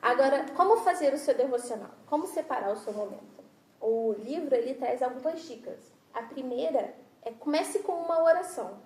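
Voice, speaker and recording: A woman with a Brazilian Portuguese accent speaks to a church women's gathering in a high, bright voice. She is chatty and self-deprecating and laughs often through her devotional talk. The sound carries the echo of a roomy hall.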